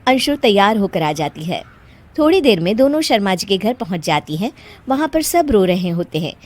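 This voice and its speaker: A woman narrating a children's bedtime story in a clear, measured way. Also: medium pitch, very animated.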